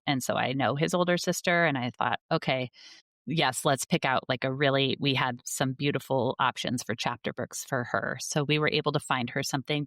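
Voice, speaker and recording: A woman's voice: rumbling low, fairly bright tone, dry recording, clean studio sound. A woman school librarian talking earnestly in a casual conversation, with many fillers and restarts. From United States.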